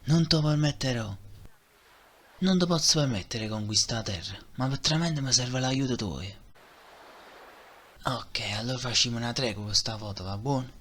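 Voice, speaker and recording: A man's voice: medium pitch, normal speed, long pauses, fairly bright tone, close to an everyday voice. A man voicing an earnest, determined martial-arts hero with a colloquial manner and a Neapolitan accent in a parody cartoon dub. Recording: music under the voice. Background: music.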